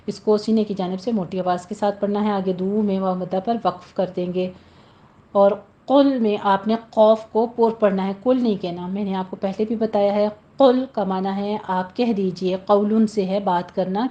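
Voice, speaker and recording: A woman teaching a tajweed lesson, slowly reciting verses and then explaining the pronunciation rules in a plain instructive voice. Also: medium pitch, dark tone, lo-fi sound. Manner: slow, deliberate, drawn-out recitation between plain instructions.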